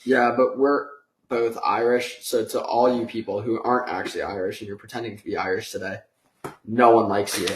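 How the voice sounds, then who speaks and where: A man's voice: lowish voice, steady tone, brisk, roomy sound. A teenage boy co-hosting a podcast, laid-back with short, stubborn replies in casual chat. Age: teens. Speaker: podcast co-host.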